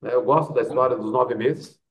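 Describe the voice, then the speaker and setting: In a fairly quick, medium-pitched voice picked up far from the mic, a man with a Brazilian accent talks as an interview guest. A doctor and public health expert, he tells stories and explains his views with rhetorical questions and quoted asides.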